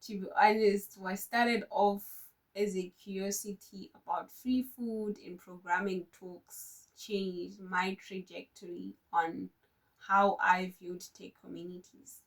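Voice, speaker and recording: Woman giving a tech talk, earnest and measured, sounds a little distant from the mic. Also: mid-range voice, steady tone. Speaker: conference speaker. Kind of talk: prepared conference talk.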